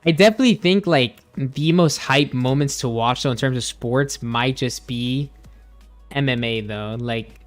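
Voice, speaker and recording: A man's voice: medium pitch, measured pace, soft background music. A young man streaming a game, chatting casually with viewers in a rambling, laid-back way, full of fillers and restarts. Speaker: gaming streamer. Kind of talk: casual chat while gaming, reading chat.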